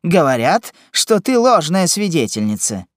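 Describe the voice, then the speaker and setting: A man doing a shrill, jeering shoemaker. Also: very animated, measured pace, dry recording, clean studio sound. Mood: triumphant shouting. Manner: mocking, shouting. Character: shrill malicious male shoemaker accuser.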